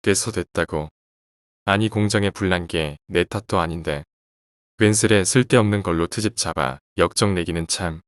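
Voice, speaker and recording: A man voicing a sharp-tongued, dismissive middle-aged housewife while reading a horror story aloud. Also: low voice, moderate pace, no echo, clean studio sound, natural voice. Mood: scolding. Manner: scolding, dismissive.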